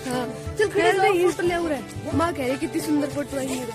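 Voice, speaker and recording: Young woman from rajasthan vlogging on her phone, high voice, loud music and people around. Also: brisk. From Rajasthan, India. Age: young adult. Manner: chatty, teasing, laughing. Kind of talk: casual vlog commentary. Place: outdoors in a village at morning.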